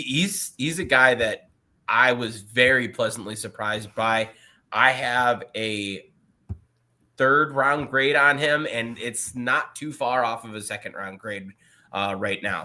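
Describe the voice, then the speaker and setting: A man analysing a football prospect on a draft podcast, talking in animated bursts with frequent restarts. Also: medium pitch. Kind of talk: podcast scouting talk.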